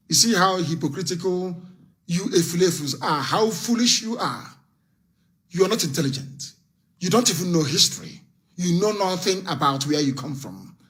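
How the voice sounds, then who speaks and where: A man's voice: high-pitched, pushed and bright. A man giving a fiery, scornful political broadcast, full of repetition. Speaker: political activist leader.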